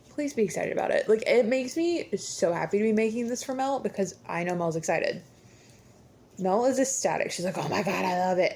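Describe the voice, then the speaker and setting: A woman's voice: medium pitch, a little mellow. A young woman talking through a casual knitting tutorial, chatty and candid with frequent ums, recorded on a phone at home. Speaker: knitting vlogger. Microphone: phone on a stand.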